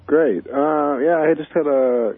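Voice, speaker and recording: A man's voice: on the high side, slow pace, breathy edge, no room sound. Hesitant male caller on a phone line. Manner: hesitant, many ums and uhs. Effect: phone-line caller on a radio show. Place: calling from abroad.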